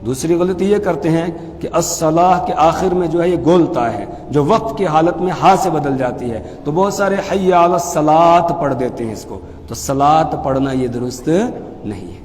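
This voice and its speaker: A man teaching as a mufti, explaining pronunciation calmly and then chanting phrases slowly and loudly. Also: on the high side, long reverb tail, a little hiss or hum. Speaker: mufti teaching the call to prayer. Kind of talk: religious lesson with chanted demonstrations.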